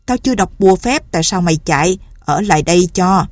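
A woman's voice: lowish voice, expressive, fast talker, darkish tone, dry recording, studio quality, natural voice. A woman doing a cocky sly snake charmer. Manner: cocky, mocking. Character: sly boastful young male snake charmer.

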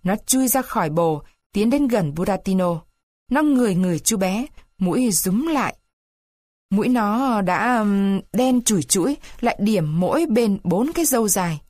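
A woman reading a children's storybook aloud, expressive with varied pacing. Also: medium pitch, moderate pace, no echo, studio quality.

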